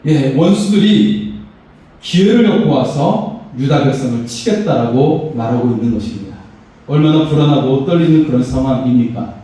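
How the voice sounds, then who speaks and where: A man's voice: medium pitch, lively intonation, moderate pace, mellow. A pastor, a man, preaching a sermon with emphatic, rising phrases. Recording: echoey hall, voice far from mic.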